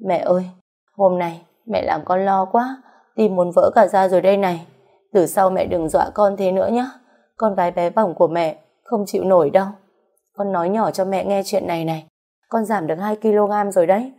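A woman's voice: mid-range voice, brisk, dark tone, lightly acted. A woman voicing an anxious, loving young daughter who talks in a pleading, emotional way. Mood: tender.

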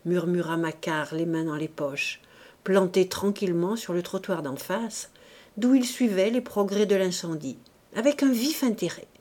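A woman reading a classic novel aloud as an audiobook narrator, in clear, measured storytelling. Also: medium pitch, dark tone. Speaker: audiobook reader.

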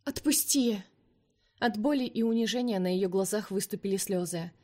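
A woman narrating an audiobook in a steady, dramatic reading. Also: medium pitch, a little fast. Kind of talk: expressive scripted narration.

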